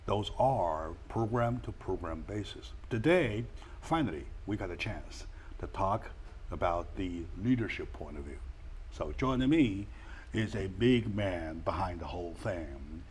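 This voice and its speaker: A deep-voiced male talk show host who stops and restarts often and leans on fillers as he searches for words. A faint hiss sits under his voice. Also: lively intonation. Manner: halting, many fillers and restarts. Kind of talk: casual interview.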